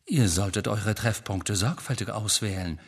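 A man voicing a wry, teasing grown man wizard who talks in an unhurried way, in a German audiobook. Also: on the low side, husky, long reverb tail.

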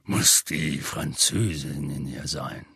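A man voicing a huge, gruff half-giant gamekeeper in an audiobook, telling his story in a rough, folksy way. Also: slow pace, bright, forceful tone, no room sound, studio quality, full character voice. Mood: gruff storytelling. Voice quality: deep and gravelly. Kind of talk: audiobook character voice.

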